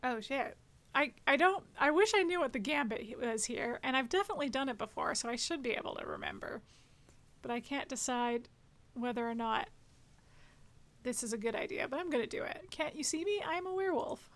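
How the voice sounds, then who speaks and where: Lively, high-voiced woman streaming a game. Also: fairly quick. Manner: chatty, joking, talks back to game characters. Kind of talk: casual gameplay commentary.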